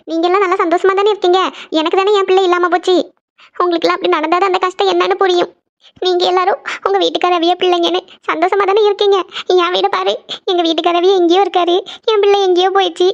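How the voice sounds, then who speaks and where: A bitter, scolding cartoon aunt. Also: female voice, extremely high pitch, level tone, quick pace, dull audio. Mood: bitter grief. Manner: cold, scolding. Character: bitter middle-aged aunt, stern and grieving. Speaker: cartoon voice actor. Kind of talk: cartoon voice acting.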